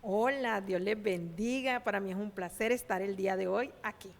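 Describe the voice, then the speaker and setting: Colombian woman guest, forties, gentle and soft-spoken, gravelly voice, echoing room. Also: mid-range voice, moderate pace. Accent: Colombian Spanish. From Valledupar, Colombia. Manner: gentle, soft-spoken, laughs when teasing. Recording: reverberant hall with faint ambience.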